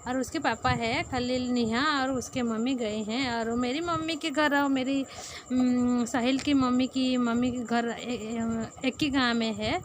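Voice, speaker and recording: A woman with a Sambalpuri Odia accent, a native Odia speaker narrating a casual vlog in halting Hindi, searching for words. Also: on the high side, steady tone, a little hiss or hum. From Sambalpur, Odisha. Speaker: vlogger.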